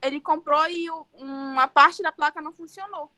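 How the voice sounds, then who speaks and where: A woman's voice: high voice, steady tone, normal speed, sharp tone, dry recording, studio quality. A woman with a Brazilian Portuguese accent, a student chatting in class, talking casually with many fillers and restarts. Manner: chatty, hesitant, explains with fillers.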